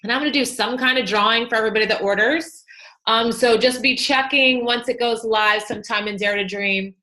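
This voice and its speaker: A young woman hosting a team call, reading out shout-outs and announcements in an enthusiastic, chatty, cheerleading way with frequent fillers. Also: fairly high pitch, brisk. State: newly pregnant and feeling sick.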